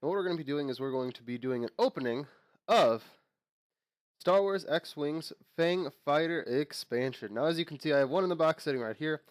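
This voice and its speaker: A young man with a slightly high, brisk voice hosts his own channel, and a cold leaves him sounding nasal. The recording has no echo. He chats casually through unboxing and lore talk, rambling with fillers and restarts.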